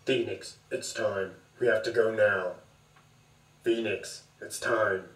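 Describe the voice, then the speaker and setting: A man's voice: on the low side, fairly even intonation, slow, a bit bright. A man voicing a menacing male villain by speaking into a cup, which gives his voice a blocked, echoey sound. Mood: commanding. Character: menacing male villain, main bad guy. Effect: spoken into a cup, blocked echoey sound. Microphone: cheap computer mic. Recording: roomy echo, far from the mic.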